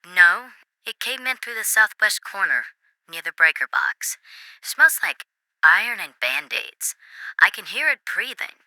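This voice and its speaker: A woman's voice: medium pitch, very animated, a little slow, dry recording, heavily acted, rough recording. Woman acting a nervous, creepy ASMR role-play caller. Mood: uneasy, hushed. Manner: nervous, hushed soft-spoken like a late-night confession. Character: creepy, serene woman living inside house walls. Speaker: caller to a radio show.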